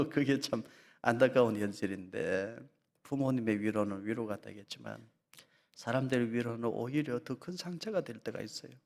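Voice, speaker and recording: A man, a pastor, preaching a sermon dramatically, drawing out emotional passages slowly and bursting into loud, high voices when he acts out mocking taunts. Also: vocal fry.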